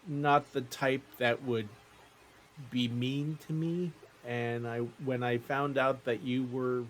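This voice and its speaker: A man voicing a small, timid, gentle magical creature in tabletop role-play, speaking softly and haltingly in earnest. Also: medium pitch, a little hiss or hum, lightly acted.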